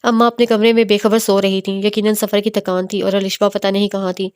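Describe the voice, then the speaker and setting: A woman narrating a romance novel as an audiobook, her voice mid-pitched and notably flat, with little rise or fall. She reads at a steady, unhurried pace, now and then correcting a small slip. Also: clear, resonant tone. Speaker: novel reader.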